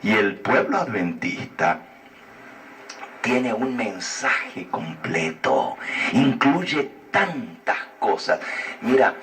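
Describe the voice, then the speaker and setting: Slow, earnest man explaining scripture. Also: fairly low pitch, sing-song, fairly bright tone, far from the mic, a little hiss or hum. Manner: earnest, persuasive, with rhetorical questions. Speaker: Bible teacher answering a viewer's question. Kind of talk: explanatory religious talk.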